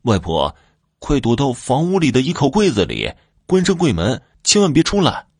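Man doing a high, eager little-boy voice, quick-witted and brave, storybook reading. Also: sing-song, breathy edge, no room sound, clean studio sound, heavily acted. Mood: urgent. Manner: eager, urgent calls. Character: clever brave little boy, youngest son.

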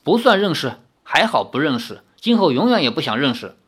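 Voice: mid-range voice, sing-song, a little fast, a bit bright, slightly rough. The narrator voicing a brash, cheeky young male swordsman in an audiobook, with a cocky, teasing manner.

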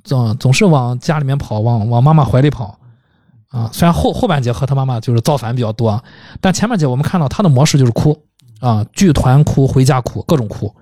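Fast-talking man hosting a film chat. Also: mid-range voice, lively intonation, warm tone, dry recording, clean studio sound. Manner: thoughtful, rambling with hesitations. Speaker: podcast host. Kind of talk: casual film discussion.

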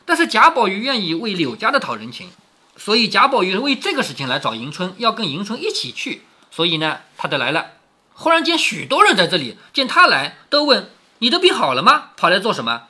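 A man with a high-pitched, slightly rough voice retells a classic novel as a storyteller, speaking fairly quickly. He's animated, blending the reading with chatty commentary and rhetorical questions aimed at the listener.

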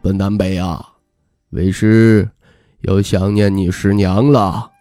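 A man voicing a teasing, sly middle-aged male monk who talks in a slow, mock-serious drawl. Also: lowish voice, expressive, mellow, no echo, clean studio sound, faint music behind, voice pushed down. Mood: wistful.

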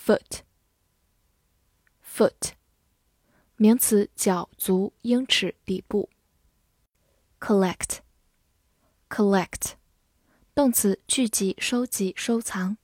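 A young female teacher with a medium-pitched, slightly mellow voice leads a vocabulary lesson, reading each English word twice, slowly and clearly, before explaining its meaning. The sound is clean studio quality with no echo.

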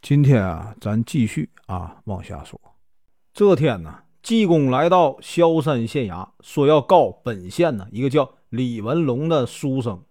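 A man telling a folk tale with a Northeastern Mandarin accent, chatty and full of drawn-out fillers. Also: mid-range voice, sing-song, a little mellow. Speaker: storyteller.

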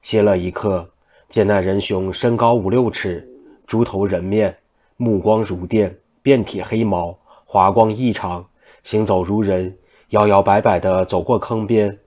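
A male storyteller reading a classical novel aloud in a low voice. His narration is steady and unhurried.

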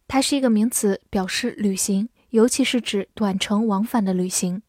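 A woman teaching English vocabulary in a lesson, spelling words out letter by letter and speaking slowly and deliberately. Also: mid-range voice, a little mellow, dry recording, studio quality.

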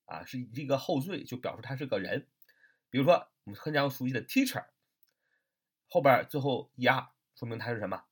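Guy teaching english words, kinda husky voice, pitch jumps all over, keeps going "right?". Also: expressive, brisk. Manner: chatty, asks rhetorical questions, spells words out letter by letter. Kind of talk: lively vocabulary lesson.

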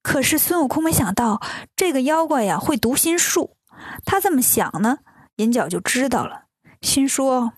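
A woman tells a children's story in a lively, homely, chatty style. Her voice sits fairly high. The recording is close and dry, with no room sound. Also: moderate pace, slightly rough, no room sound.

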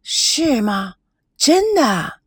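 A warm old village grandmother in an audiobook, played by a woman narrator speaks softly and dotingly. The voice is breathy and husky, recorded close and dry. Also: medium pitch, lively intonation, takes it slowly, no echo, heavily acted. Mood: surprised.

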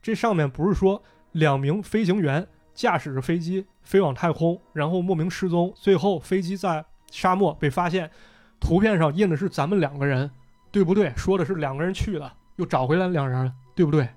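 A man's voice: fairly high pitch, fairly quick, a little mellow, faint music behind. A man hosting a podcast, casually retelling a story and voicing the characters' lines as he goes. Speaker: podcast host.

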